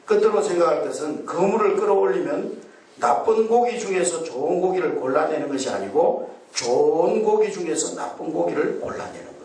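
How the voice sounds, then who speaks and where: A man preaching a sermon as pastor, animated, leading the congregation in call-and-response. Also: high voice, a little fast. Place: church sanctuary. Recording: echoey church hall, mic at a distance.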